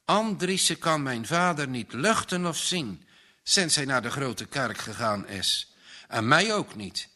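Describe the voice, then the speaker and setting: A man voicing an earnest, devout young man who talks softly and confidingly to a friend in a spoken story. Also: medium pitch, very animated, unhurried, exaggerated voice.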